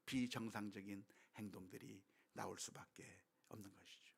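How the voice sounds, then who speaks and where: A male pastor preaching a sermon, moving between quiet, hushed passages and loud, impassioned appeals built on rhetorical questions. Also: lowish voice, fairly even intonation, normal speed, vocal fry, breathy edge.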